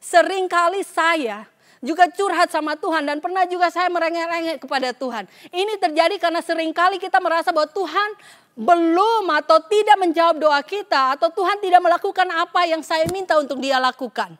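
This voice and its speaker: A woman's voice: very high-pitched, fairly quick, a bit bright. A woman pastor preaching a sermon at a church service. She drops English phrases into her talk and acts out the voices in the scripture she reads.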